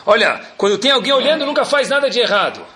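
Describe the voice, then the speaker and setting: A man with a Brazilian Portuguese accent teaching a Torah class in an animated way, full of rhetorical questions and jokes for his audience. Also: very high-pitched, fast talker. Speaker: religious teacher.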